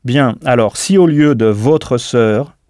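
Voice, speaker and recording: A man's slightly mellow, mid-pitched voice guides a scripted language lesson, captured in a dry studio with no echo or room. As a language teacher, he takes his time, speaking deliberately and spelling words out letter by letter.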